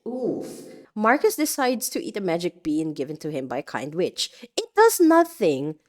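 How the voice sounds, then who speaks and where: A woman's voice: lowish voice, very animated, moderate pace, a little mellow. A woman hosting a livestream, reading out game events and adding playful, jokey asides. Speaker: host.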